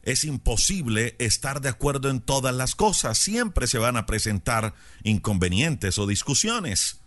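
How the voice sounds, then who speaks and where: A man who lectures on public speaking, telling a story and then explaining a lesson in a measured, explanatory way. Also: mid-range voice, sing-song, fairly bright tone.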